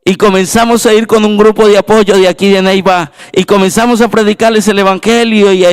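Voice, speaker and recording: A man's voice: sits high, level tone, fairly quick, clear, resonant tone. A man, a pastor with a Colombian Spanish accent, preaching a sermon in a church and telling stories that build to fervent exclamations. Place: church sanctuary.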